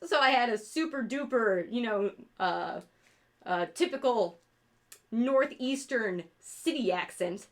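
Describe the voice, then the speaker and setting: A woman from rural upstate New York, speaking with her regional accent, chats loosely while drawing on a livestream. Her voice sits fairly high, with lively intonation and a slow pace. A streamer and artist, she rambles, swears a lot and laughs at her own jokes.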